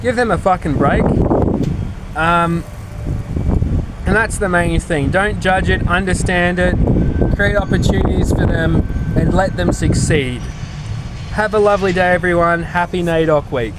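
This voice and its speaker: A man's voice: high voice, unhurried, pauses often. An Australian man giving a casual, blunt and sweary monologue as a vlogger, rambling as if drunk. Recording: noisy outdoor recording with traffic.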